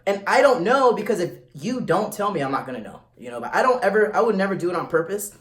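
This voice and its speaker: A man talking casually to viewers in a vlog, animated and blunt, full of slang and quick restarts. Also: sits high. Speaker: vlogger. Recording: echoey room.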